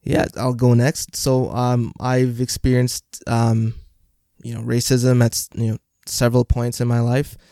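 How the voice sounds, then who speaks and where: A man from Jamaica speaks in a calm, level voice with little rise and fall. His tone is mellow. The recording is dry and close. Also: medium pitch, a little slow, no echo. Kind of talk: panel discussion.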